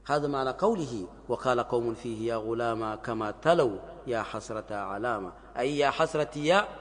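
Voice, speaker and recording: A man teaching a classical grammar lesson, in a voice of middle pitch. He goes back over words and examples and repeats them slowly. The room has a long, echoing reverb. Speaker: sheikh teaching Arabic grammar.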